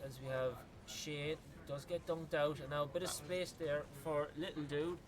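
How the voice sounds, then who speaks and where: An Irish man commentating a live esports match in an arena, his voice sitting a bit high. He talks loosely with plenty of fillers and gets loud and excited when a goal goes in. A noisy crowd fills the background. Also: moderate pace. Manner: excitable, rises to yelling on big plays, many "like" fillers. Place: gaming arena venue.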